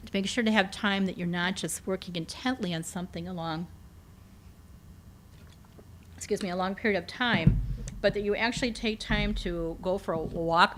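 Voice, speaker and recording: A woman's voice: lowish voice, slight background noise. A woman speaking informally to a campus audience in a meeting room, conversational with many "um"s and self-corrections, her voice slightly strained and giving out at times. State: slightly losing her voice, occasional coughs. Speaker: campus career development speaker.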